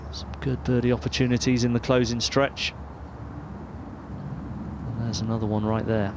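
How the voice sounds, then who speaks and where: Guy doing golf commentary, mid pitched voice, clear outdoor noise behind him. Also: flat delivery, normal speed. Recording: noisy outdoor ambience behind voice.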